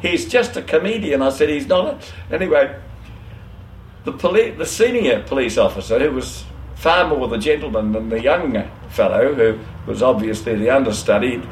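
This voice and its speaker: A man's voice: mid-range voice, lively intonation, normal speed. An older Australian man telling a long anecdote for an oral history interview, rambling with many "you know"s and self-corrections. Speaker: interviewee, former trucking company owner. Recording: roomy echo, faint ambient noise.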